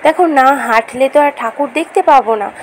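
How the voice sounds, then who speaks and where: A woman narrating a casual vlog, chatty and enthusiastic as she talks straight to her viewers, her voice hoarse after a fever. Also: high-pitched, fast, a little hiss or hum, low-quality recording. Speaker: vlogger.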